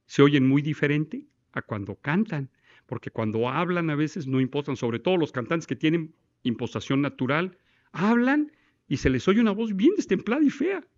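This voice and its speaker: In a muffled recording, a medium-pitched man from Mexico who teaches a law course lectures on voice technique. He shows his class breathing and diction exercises, questions the students, and runs through verse in one breath.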